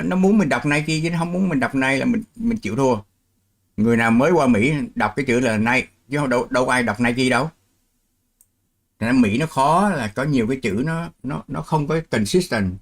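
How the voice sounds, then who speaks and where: Middle-aged man, mid-pitched and easygoing, hosting a live stream and teaching through examples. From Vietnam. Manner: chatty, explains with worked examples, laughs easily. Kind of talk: casual live-stream chat.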